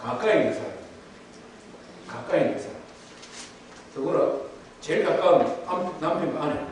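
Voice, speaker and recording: Man, animated sermon, high voice, heavy church echo, distant mic. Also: normal speed. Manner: animated preaching, acting out quoted voices of the people. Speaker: pastor. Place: church sanctuary. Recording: very echoey church hall, distant mic, faint hiss.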